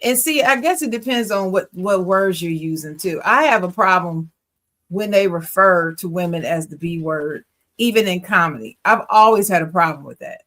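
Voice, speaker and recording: A woman's voice: fairly low pitch, animated, moderate pace, a bit bright. A woman co-hosting a podcast in casual chat, frank and opinionated, laughing easily. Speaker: podcast co-host.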